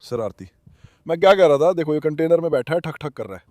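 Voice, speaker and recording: A man's voice: fairly high pitch, expressive, fast, darkish tone, dry recording, studio quality. A man hosting a farm vlog outdoors, greeting viewers and talking fondly to his animals as if they were his children. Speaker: farm vlogger. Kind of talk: casual vlog narration.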